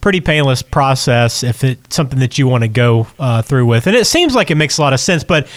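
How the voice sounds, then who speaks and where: A man's voice: medium pitch, lively intonation, brisk. An American man hosting a podcast in a conversational style. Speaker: podcast host.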